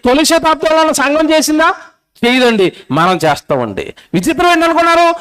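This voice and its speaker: A man's voice: very high-pitched, very animated, brisk, a bit bright. A male preacher with a Telugu accent delivers a sermon, scolding his audience with rhetorical questions. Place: convention stage.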